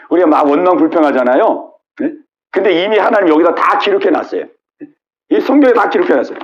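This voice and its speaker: A middle-aged man preaching a midweek sermon as pastor, repeating key words and prodding listeners with quick asides. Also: a little high, highs cut off. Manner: repetitive call-and-response with frequent "예?". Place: church sanctuary.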